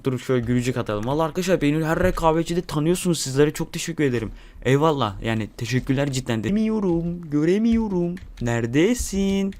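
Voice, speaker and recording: Talking to his audience while he plays, a young man hosting a gaming channel delivers hyped-up commentary laced with swearing. His voice sits a little high.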